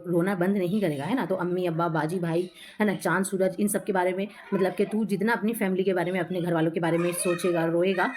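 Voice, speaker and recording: A woman teaching a poem to students, explaining each line slowly in a voice with inflection, often adding "hai na" and repeating herself. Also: on the low side, background noise.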